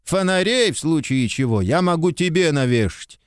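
A man giving voice to a short-tempered soldier who snaps and mocks. His pitch swings widely as he scolds. The sound is dry and close. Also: lively intonation, moderate pace, clean tone, no echo, close to an everyday voice. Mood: scolding. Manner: curt, scolding, sarcastic. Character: gruff irritable male soldier, sharp-tongued. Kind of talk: audiobook character reading.

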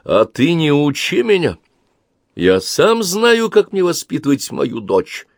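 A man's voice: lowish voice, sing-song, a little slow, slightly rough, no echo, clean studio sound, exaggerated voice. A man doing a hot-tempered doting father. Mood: angry. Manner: insistent, raises his voice.

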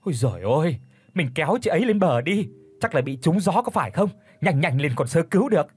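A man's voice: on the high side, animated, a little fast, husky. A man voicing a frightened peasant husband in an audiobook, stammering and panicky. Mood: panicked.

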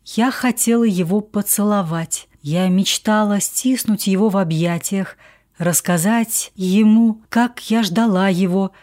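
Woman audiobook narrator, measured and subdued, with a dark, mellow voice. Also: mid-range voice. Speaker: audiobook reader. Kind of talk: first-person memoir narration.

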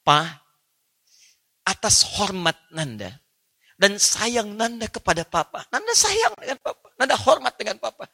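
A devoted young son speaks to his father in earnest, tender tones, as a preacher acts him out. The voice is high and bright, respectful and pleading. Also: big pitch swings, unhurried, gravelly, heavily acted.

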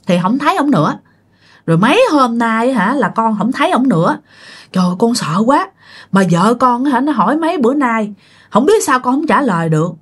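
A woman narrating a ghost story in an animated way. She speaks to her listeners directly and often breaks into exclamations. Her voice sits fairly high and moves a lot.

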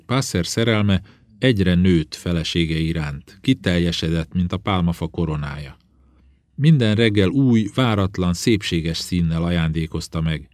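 A man narrating an audiobook in a calm, even reading voice. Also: sits low, no room sound, clean studio sound. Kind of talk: scripted narration.

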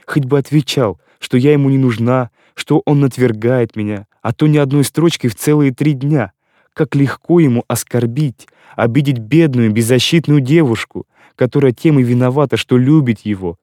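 Reading an audiobook, a man voices a heartbroken young girl who pleads and protests through tears, sounding distraught and breathless. His medium-pitched voice has a dark tone and a moderate pace, lightly acted and recorded dry with clean studio sound.

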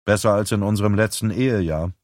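A man's voice: fairly low pitch, fast, a little mellow, no room sound, clean studio sound, lightly acted. A man reading an audiobook, playing a guarded man under questioning who gives terse, defensive answers.

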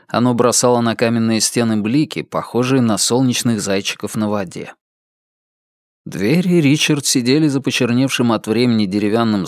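Calm male audiobook narrator, dry sound. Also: medium pitch, dry recording. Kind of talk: scripted narration.

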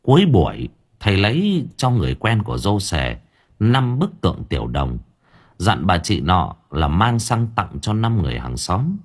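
A man narrating a story in a colloquial, wry and lively way. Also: sits low, normal speed, breathy edge. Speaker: audiobook narrator.

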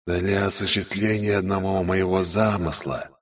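A man narrating an audiobook, voicing Death as a cold male spirit that speaks slowly and quietly in a husky hiss. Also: low-pitched, fairly even intonation. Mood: ominous. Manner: slow and quiet.

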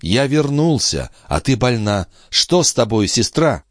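A worried, tender young brother, played by a male narrator who asks gentle, concerned questions. His intonation is lively. The audiobook sound is dry and close. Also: mid-range voice, measured pace, no room sound, pitched above the performer's own voice.

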